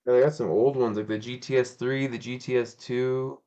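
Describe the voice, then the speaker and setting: Guy rambling on a live stream, mid-pitched voice, keeps correcting himself, kinda muffled lo-fi audio. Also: steady tone, normal speed, mellow. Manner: rambling, self-correcting, laughs often. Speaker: cubing channel host. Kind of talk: casual live stream chat.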